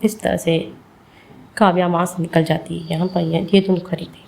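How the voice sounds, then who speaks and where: A woman storyteller reading out a dramatic serialized romance, emotional and talking to her listeners directly. Her voice is gravelly and mellow. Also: lowish voice, little pitch movement, moderate pace, poor audio. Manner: emotional, addresses listeners as guys.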